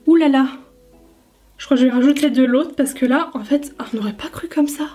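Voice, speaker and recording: A woman's voice: sits high, a little fast, warm tone, faint music behind. A young French woman chatting casually through a makeup review, thinking aloud with lots of fillers. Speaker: beauty vlogger.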